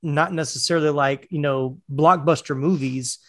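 A man's voice: on the high side, steady tone, moderate pace, fairly bright tone, dry recording, studio quality. A man in his forties from North Carolina, chatty in casual podcast talk, who laughs easily. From North Carolina, USA. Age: 40s.

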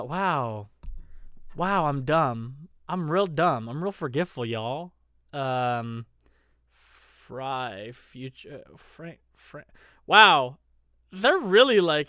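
A man's voice: a little high, bright, forceful tone, clean tone, dry recording, clean studio sound. A man telling a rambling, profane story in casual chat, full of fillers and self-deprecating asides.

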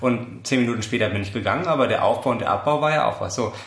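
A young man in his twenties co-hosting a podcast, talking in a rambling, ironic, deadpan way. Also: medium pitch, very fast. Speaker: podcast co-host. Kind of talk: casual chat. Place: friend's flat. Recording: roomy room sound.

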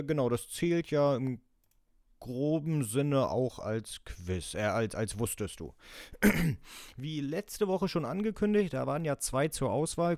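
A man co-hosting a casual podcast runs a quiz, reading quotes aloud in a lively way and laughing often. His voice is fairly high, recorded at studio quality with no echo.

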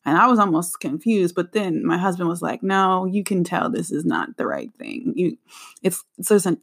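A young adult woman hosting her own show in casual solo chat, talking in a chatty, animated way with laughing asides. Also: fairly low pitch. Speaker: podcast host.

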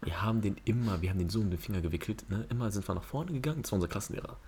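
A man's voice: lowish voice, very fast, slightly rough. A young man hosting a casual podcast chat, telling slangy school stories and acting out the people he quotes. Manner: slangy, animated, acts out quoted teachers. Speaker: podcast host.

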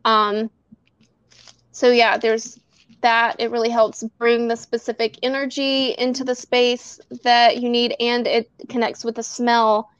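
A woman with a smooth, resonant voice that sits a little high, chatting casually as an interview guest. She rambles as she explains, leaning on fillers, and sounds close and dry. The recording is dull and lo-fi. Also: little pitch movement, a little slow, dry recording. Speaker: guest, bath box maker.

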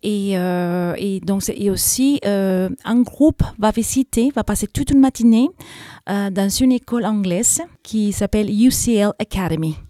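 Mellow woman with an American accent. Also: mid-range voice, dry recording, studio quality. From Texas, USA. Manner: hesitant, many filler pauses. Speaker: English teacher. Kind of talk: radio interview answers. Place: school.

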